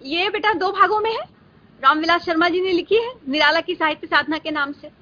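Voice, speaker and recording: A woman lecturer with a high, bright voice speaks a little fast in a virtual class lecture with questions. She is patient and calls her students "beta." The recording is dull and lo-fi, with faint hiss.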